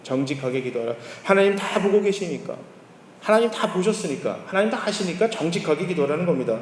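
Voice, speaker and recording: Male pastor, storytelling sermon, slightly high voice, reverberant church hall. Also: animated, fast talker, a little hiss or hum. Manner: conversational storytelling preacher. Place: church sanctuary.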